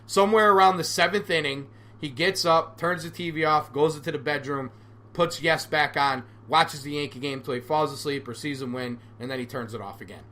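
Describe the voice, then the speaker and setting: A man's voice: a little high, a little fast, bright, forceful tone. A man in his forties hosting a solo podcast, ranting sarcastically and with animation. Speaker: podcast host.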